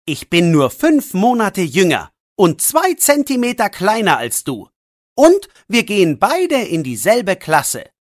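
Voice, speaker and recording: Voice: mid-range voice, wildly swooping pitch, unhurried, no echo, clean studio sound. A narrator voicing a defensive young teenage boy who argues back in a learner's audiobook. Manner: defensive, pleading. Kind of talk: audiobook role voice.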